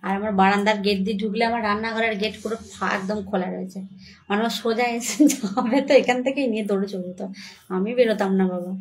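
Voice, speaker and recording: A woman's voice: medium pitch, fairly even intonation, rapid-fire. Chatty woman livestreaming from home. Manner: chatty, shaken and frightened. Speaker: livestream host. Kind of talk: casual livestream chat. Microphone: phone.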